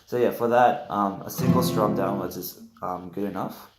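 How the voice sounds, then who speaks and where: A young man giving a casual guitar lesson, halting and full of fillers, correcting himself as he goes, sounding just woken up. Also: on the low side. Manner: hesitant, many fillers, self-correcting. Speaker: guitar teacher. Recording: roomy echo with loud guitar playing.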